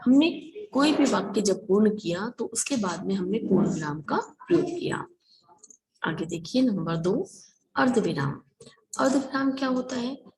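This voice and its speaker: A woman's voice: mid-range voice, expressive, a little mellow, rough recording. Woman, schoolteacher giving an online lesson, methodical, uses question-and-answer. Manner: explains slowly, asks and answers her own questions. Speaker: Hindi teacher.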